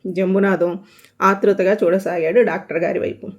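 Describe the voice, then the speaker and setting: A woman storyteller reads a comic short story aloud at a middle pitch. Her delivery is steady and expressive, like a narrated storybook. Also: normal speed.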